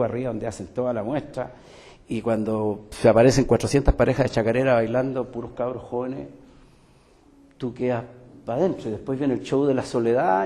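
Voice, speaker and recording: A man's voice: mid-range voice, dark tone. An older man with a Chilean Spanish accent giving an emphatic public talk as a music teacher and folklorist, full of rhetorical questions and asides. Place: cultural center hall. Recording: long hall reverb.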